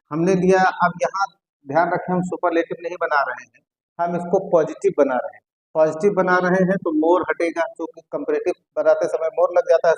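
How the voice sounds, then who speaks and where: A man teaching an English grammar lesson, often repeating key words slowly as he writes them on the board. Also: on the high side, dull audio.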